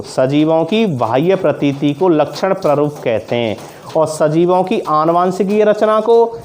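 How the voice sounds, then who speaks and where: A man teaching a school science lesson, asking questions and answering them himself with steady repetition. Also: fairly high pitch, slight background noise. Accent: Hindi-speaking north Indian. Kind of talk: classroom lesson with call-and-response questions.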